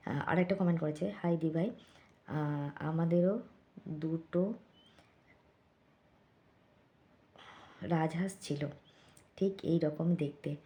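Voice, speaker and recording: A middle-aged woman speaking very quietly late at night, thanking viewers for their comments. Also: low-pitched, steady tone, unhurried, long pauses, dull audio. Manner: speaks very softly so as not to wake someone. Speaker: vlogger. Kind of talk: late-night hushed vlog chat reading comments.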